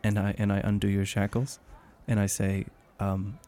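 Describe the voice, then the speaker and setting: A man's voice: on the low side, completely flat delivery, moderate pace, warm tone. Hesitant man tabletop player. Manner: hesitant, stammering. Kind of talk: tabletop role-play, in character.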